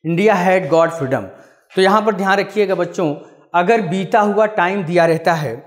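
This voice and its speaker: A man teaching an exam-prep English grammar class, calling his students children and asking and answering his own questions, with the English example sentences read out slowly. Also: on the high side. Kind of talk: classroom-style grammar lesson.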